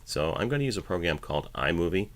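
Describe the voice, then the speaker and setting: At the editing station of his home voiceover studio, a man narrates an instructional screencast, casually explaining each step as a voiceover artist giving a tutorial. His voice is low-pitched, fairly bright, very animated and fast.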